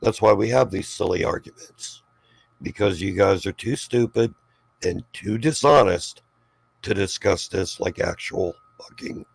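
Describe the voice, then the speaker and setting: A man's voice: sits low, unhurried, vocal fry, breathy edge. A man debating informally in an exasperated, condescending, sweary way.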